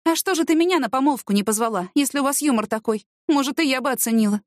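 A woman voicing a brisk, sarcastic woman friend who works in the courts and lectures her friend, in a storybook reading. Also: sits high, dry recording, studio quality, pitched above the performer's own voice, close to an everyday voice. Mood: scolding.

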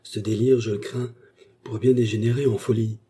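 A man reading aloud, voicing a fake doctor who speaks in a grave, solemn, hushed way, with a husky voice. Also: lowish voice, level tone, brisk, a little hiss or hum, natural voice.

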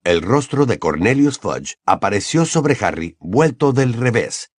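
A man narrating an audiobook in an expressive, dramatic reading. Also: mid-range voice, unhurried, no echo, clean studio sound. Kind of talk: scripted narration.

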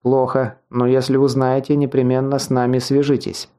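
A cold, officious chief guard from a fantasy audiobook, delivering verdicts in a calm, mechanical tone, as a male narrator voices him. The voice is dark and mellow at a middle pitch. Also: normal speed, clear, resonant tone, lightly acted.

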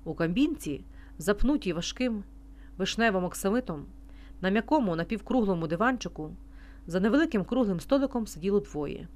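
A woman narrating a novel as an audiobook reader in an even, expressive storytelling manner. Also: mid-range voice, fairly quick. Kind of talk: scripted narration.

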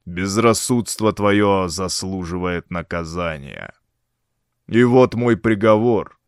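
A man voicing a huge grey grave-worm lord who pronounces judgment slowly, in a solemn and menacing manner. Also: low-pitched, clean tone, no echo, studio quality. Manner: slow, solemn, dread-filled pronouncement.

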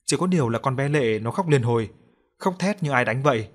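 A man narrates an audio story with steady, measured pacing. His voice sits at a middle pitch, and he reads in a calm storytelling style.

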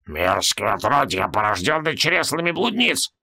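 A man voicing an ancient, boastful demon general who turns cowardly, speaking in a slow, drawn-out bellow. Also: medium pitch, big pitch swings, sharp tone, heavily acted. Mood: boastful, threatening.

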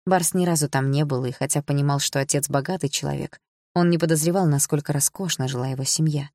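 Dry, measured audiobook narration. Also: medium pitch, fairly even intonation, a little mellow, no echo. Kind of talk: scripted narration.

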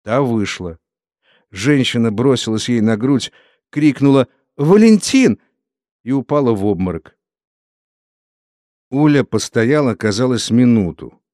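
Brief: male audiobook narrator, solemn and steady, average pitch, dry studio sound. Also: unhurried, long pauses, dry recording. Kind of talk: scripted literary narration.

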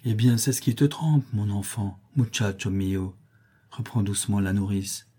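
A man voicing an old Mexican nurse woman, speaking gently and persistently. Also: medium pitch, measured pace, husky. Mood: earnest.

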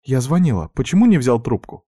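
A man's voice: medium pitch, sing-song, fairly quick, mellow, slightly rough, dry recording, studio quality, pitched above the performer's own voice. A man voicing a worried young woman scolding her younger brother in a pleading, upset way.

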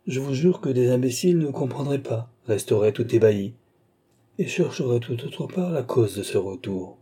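A quick-tongued countess who needles her guest with irony, as a male narrator voices her. The voice is dark and husky, lifted a little. It comes in as a dry, teasing jab. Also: medium pitch, lively intonation. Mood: needling. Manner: ironic, needling. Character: sharp-witted royal mistress, a countess. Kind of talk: audiobook character voice.

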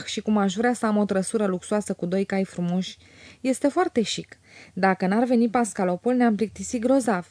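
A woman voicing a lively, teasing young woman in an audiobook, her tone lifted and bright with chatter. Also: medium pitch, no echo, natural voice. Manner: bright, teasing, quick to laugh.

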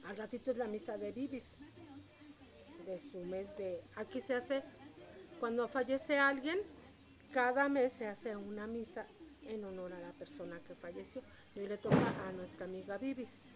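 A woman, telling stories in a lively, chatty and devout way during an interview. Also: medium pitch, moderate pace. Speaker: interviewee, local shop owner. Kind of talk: casual storytelling interview. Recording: street crowd noise behind.

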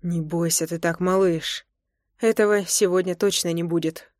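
A woman's voice: fairly low pitch, fairly even intonation, moderate pace, darkish tone, dry recording, clean studio sound, close to an everyday voice. A woman voicing a playful young husband who teases his wife with an amused drawl in an audiobook. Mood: teasing. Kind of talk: audiobook character voice.

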